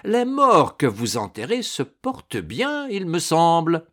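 A man's voice: mid-range voice, sing-song, measured pace. A man playing a swaggering male swordsman with a teasing, ironic manner. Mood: mocking.

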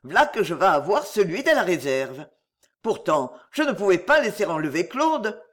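A reader doing a shaken rustic gamekeeper. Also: male voice, sits high, very animated, normal speed, a bit bright, exaggerated voice. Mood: brooding. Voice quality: rural working-class speech. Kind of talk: audiobook character reading.

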